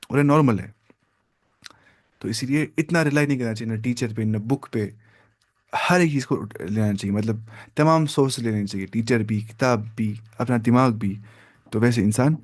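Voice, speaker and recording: A man's voice: mid-range voice, normal speed, darkish tone, dry recording. Guy teaching biology, keeps asking then answering himself, medium voice, dry room. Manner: explains in mixed Hindi-English, asking and answering his own questions; stops to advise students between points. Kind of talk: exam-prep lecture.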